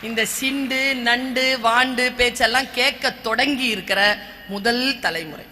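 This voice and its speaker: Woman, 40s, church sermon, emphatic short phrases, sharp forceful voice, long hall reverb. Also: fairly high pitch, measured pace, a faint crowd, a little hiss or hum. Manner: emphatic, lists points in short punchy phrases. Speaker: guest speaker and teacher.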